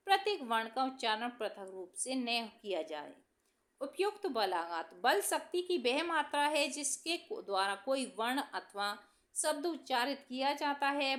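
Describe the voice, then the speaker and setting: Speaking in a high voice, a woman teacher dictates exam answers from her study notes at an even pace. Before each answer, she announces the question number.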